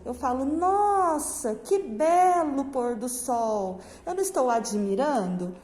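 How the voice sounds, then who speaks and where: Woman teacher, masked, high voice, slow careful explaining, reverby room. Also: darkish tone. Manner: slow, drawn-out teacherly explanations with frequent check-ins. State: speaking through a face mask. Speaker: primary school teacher. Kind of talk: remote class lesson. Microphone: phone camera.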